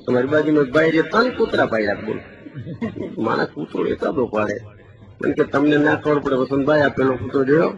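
A man's voice: a little high, animated, quick pace, vocal fry. A man, a stand-up comedian chatting through jokes and asking the audience. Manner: chatty, joke-telling, asks the audience. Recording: dull live stage sound with audience.

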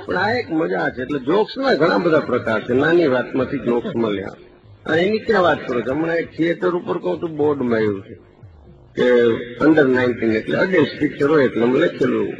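A man's voice: fairly high pitch, expressive, quick pace, gravelly, a crowd in the background. A man, a stand-up comedian chatting through jokes and asking the audience. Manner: chatty, joke-telling, asks the audience. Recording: dull live stage sound with audience.

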